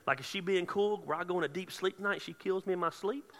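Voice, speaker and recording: Funny pastor guy in a church, kinda high voice, gets loud and shouty. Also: quick pace, long reverb tail. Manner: humorous, conversational, builds to shouting. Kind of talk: sermon. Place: church sanctuary.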